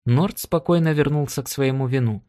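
A man reading an adventure audiobook aloud in steady storytelling narration. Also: mid-range voice, brisk. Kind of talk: scripted narration.

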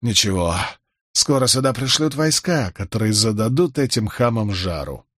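A man's voice: on the low side, animated, moderate pace, a bit bright, dry recording, clean studio sound. A man doing a snarling young captive. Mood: menacing. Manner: snarling, growled.

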